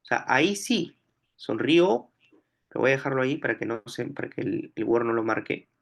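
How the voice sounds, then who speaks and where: A man's voice: medium pitch, expressive, quick pace, creaky, fairly bright tone. A man teaching a language lesson, working through exam questions aloud and thinking as he goes. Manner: explanatory, thinks aloud while solving. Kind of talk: explaining exam questions on phonology.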